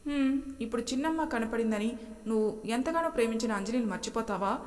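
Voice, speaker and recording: A woman's voice: a little high, brisk, lightly acted. A woman voicing a man's inner conscience, teasing and questioning him. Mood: probing. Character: inner conscience voice, probing and needling. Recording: long hall reverb.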